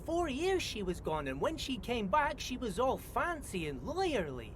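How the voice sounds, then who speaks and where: Un vecchio tuttofare di porto, chiacchierone e ingenuo. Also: male voice, very high voice, huge pitch swings, moderate pace, slight background noise, heavily acted. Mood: fond. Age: older. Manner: eager, rambling, folksy grammar. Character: kindly simple older male dock handyman. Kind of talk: video game voice acting.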